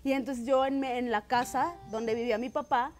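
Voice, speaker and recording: A woman's voice: high-pitched, normal speed. A Mexican woman co-hosting a live talk show, chatting casually and telling ghost stories, acting out the voices of the people in them. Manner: animated storyteller who acts out quoted voices.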